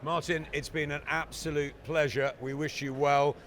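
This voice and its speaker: A man's voice: fairly high pitch, level tone, normal speed, a bit bright, slight background noise. A man hosting a casual sports interview, putting short prompting questions to a guest. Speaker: sports radio host, interviewer.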